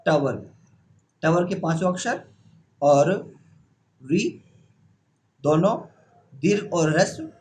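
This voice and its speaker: Guy teaching pronunciation, kinda high voice, asks then answers himself. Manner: slow, repeating key terms. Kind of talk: classroom-style lesson.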